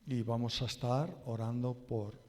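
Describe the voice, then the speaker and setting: A male pastor preaching a sermon and leading a prayer in a slow, emphatic, drawn-out way. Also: flat delivery, a little mellow. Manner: emphatic, drawn-out preaching with wide pitch swings. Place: church hall. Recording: reverberant church hall.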